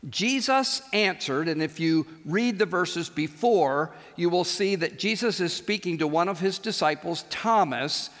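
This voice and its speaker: An older man preaching a chapel sermon on a large auditorium stage, animated and gesturing, slowing into emphatic pauses. He speaks into a headset mic. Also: high voice, long reverb tail.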